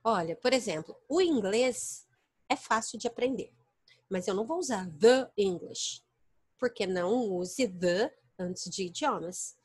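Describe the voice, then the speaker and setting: Slow, deliberate Brazilian woman teacher. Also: mid-range voice, animated, breathy edge, no echo. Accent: Brazilian Portuguese. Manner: explains step by step, checks the class understood. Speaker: English teacher. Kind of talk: online class lecture. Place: home, online virtual class.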